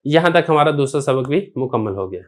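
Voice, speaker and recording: A man's voice: medium pitch, lively intonation. A male teacher giving a recorded grammar lesson, explaining step by step and asking and answering his own questions. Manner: recites quoted text slowly and deliberately.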